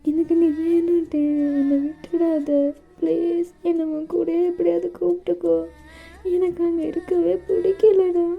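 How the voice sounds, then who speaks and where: A woman's voice: very high-pitched, flat delivery, a little slow, vocal fry, pitched above the performer's own voice, full character voice. A woman voicing an anxious, clingy young man who pleads and sobs in a storybook romance. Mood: tearful pleading. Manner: sobbing, pleading, sulky. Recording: dull lo-fi with faint music.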